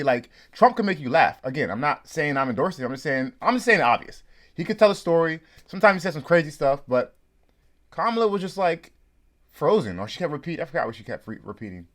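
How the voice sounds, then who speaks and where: Quick, animated American man chatting informally. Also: on the high side. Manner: informal, conversational, agreeable with co-host. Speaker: co-host of a commentary show. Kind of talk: casual opinionated commentary chat.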